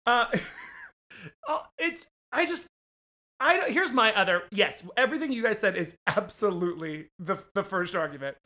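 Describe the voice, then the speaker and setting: A man co-hosting a podcast, joking and animated, laughing often in casual chat. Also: high-pitched, moderate pace. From New York. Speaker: podcast co-host.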